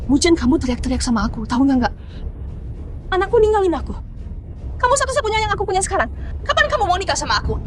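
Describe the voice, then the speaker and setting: Villainous mother-in-law, high wild shrieks, cackling threats, dubbed drama, hissy track. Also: big pitch swings, quick pace, pauses often. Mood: clingy. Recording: background hiss.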